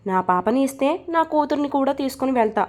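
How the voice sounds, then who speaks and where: A woman's voice: sits high, animated, fairly quick, darkish tone. Young husband figure, impatient, scolding, snappy, woman reader.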